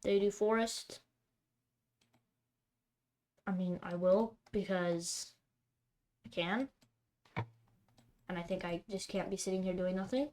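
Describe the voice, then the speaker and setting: Pausing long and speaking slowly, a woman with a medium-pitched, slightly mellow voice comments on her own card game as a streamer. She mutters to herself throughout and occasionally breaks into exasperated outbursts about how unlucky she's getting.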